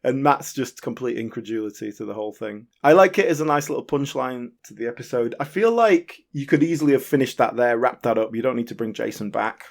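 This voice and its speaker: A man's voice: mid-range voice, animated, fairly quick, creaky, hardly any pauses. A man with a British accent co-hosting a podcast, chatting casually, laughing often and acting out quoted lines. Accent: British English. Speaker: podcast co-host. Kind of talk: casual chat about sitcoms.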